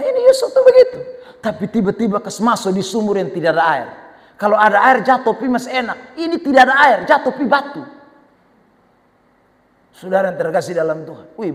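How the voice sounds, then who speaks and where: High-voiced preacher in an echoey hall. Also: male voice. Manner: lively storytelling with humor, rising to shouts. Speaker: pastor. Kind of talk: sermon.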